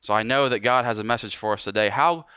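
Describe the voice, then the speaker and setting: A young adult man, a pastor, preaching a sermon with animated delivery that slows down for emphasis. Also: medium pitch, clear, resonant tone, no echo, studio quality.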